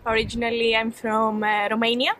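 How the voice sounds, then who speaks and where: A woman's voice: fairly high pitch, completely flat delivery, fairly quick, a bit bright, low-quality recording. A woman, speaking frankly and sarcastically in a street interview on a city rooftop. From Greece. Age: 20s.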